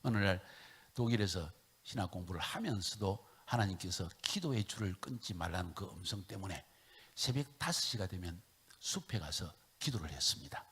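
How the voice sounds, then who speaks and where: Impassioned Korean missionary preacher, whisper to shout. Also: male voice, deep voice, expressive, normal speed, breathy edge. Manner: swings from hushed whispers to loud shouting calls; leads the congregation in call-and-repeat lines. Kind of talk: sermon.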